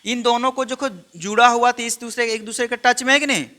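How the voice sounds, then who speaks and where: Male chemistry teacher, high bright voice, classroom quizzing style. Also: steady tone, brisk. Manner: quizzing students with repeated questions. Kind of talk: classroom lecture.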